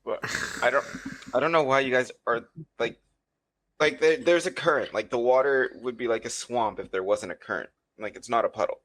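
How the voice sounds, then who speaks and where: A man's voice: mid-range voice, fairly quick, a bit bright. A young man co-hosting a casual podcast, arguing in a rambling way full of fillers over a voice-call mic. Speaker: podcast co-host. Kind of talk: casual chat. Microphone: computer mic over a voice call.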